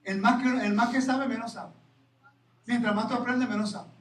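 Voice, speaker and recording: A man giving a sermon as a Torah teacher, animated and full of rhetorical questions to his congregation. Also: extremely high pitch, moderate pace, slight background noise. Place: congregation hall. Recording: echoey hall, mic from far off.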